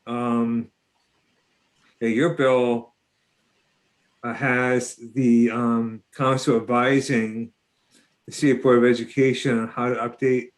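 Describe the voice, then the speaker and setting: A man explaining bill language to a legislative committee in a methodical, halting way, with frequent fillers. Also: mid-range voice. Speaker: legislative counsel.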